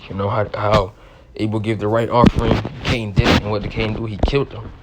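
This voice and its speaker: A man's voice: fairly low pitch, level tone, brisk, very noisy. A man reading old-fashioned scripture aloud and explaining it in loose, slangy talk with swearing. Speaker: Bible teacher. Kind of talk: casual Bible study reading.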